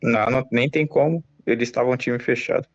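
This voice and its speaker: A slightly fast-talking Brazilian man with a medium pitch and a Brazilian Portuguese accent chats casually while streaming a mobile game. His slangy talk is full of restarts, and game music plays under the dull lo-fi mic audio.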